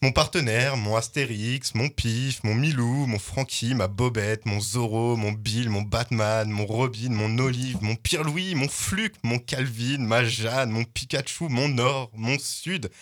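A man's voice: mid-range voice, steady tone, a little slow, hardly any pauses. A young man hosting a casual comics chat show, rambling and joking at his own expense. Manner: jokey, self-mocking, rambling. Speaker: podcast host.

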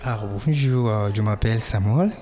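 A man's voice: lowish voice, normal speed. A man from Nigeria, answering interview questions in learner French with many hesitations and fillers. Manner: hesitant, many fillers, warming up when describing dreams. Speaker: interviewee, dancer and exhibition participant.

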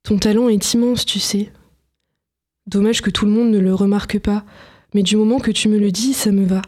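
A woman's voice: mid-range voice, steady tone, normal speed, a little mellow, natural voice. A woman reading the lines of a young male painter who sees butterflies that are not there. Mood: tender.

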